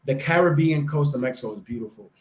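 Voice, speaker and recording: A fairly high-pitched, slightly mellow voice belongs to a young adult man from the United States, speaking fast as an enthusiastic interview guest. The chat is casual and peppered with fillers and restarts, recorded in an echoey room.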